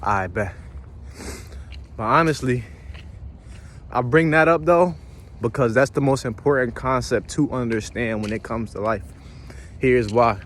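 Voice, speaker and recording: A man's voice: medium pitch, a little slow, pauses often, a bit bright, slight background noise. A man rambling and philosophizing in a casual, profane walk-and-talk vlog, out of breath from walking outdoors by a pond and filming himself on a phone. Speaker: vlogger.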